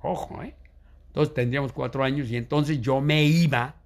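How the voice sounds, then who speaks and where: An older man with a Mexican Spanish accent, telling family stories as an interview guest, animated, acting out what others said. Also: medium pitch, moderate pace. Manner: animated, acts out quoted voices. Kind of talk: storytelling in a casual interview.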